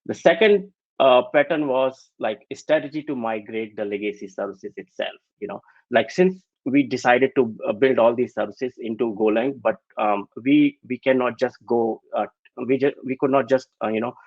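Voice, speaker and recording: A man giving a technical presentation remotely, halting often and leaning heavily on fillers. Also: medium pitch, no room sound. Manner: halting, filler-heavy delivery. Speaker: tech conference speaker. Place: remote, over online call. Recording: dull, lo-fi call audio.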